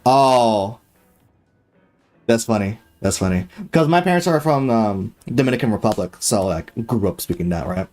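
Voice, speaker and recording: With a lowish voice at normal speed, a young man casually chats on a live gaming stream, excitable and unpolished, full of slang, fillers and swearing. Faint music plays behind him.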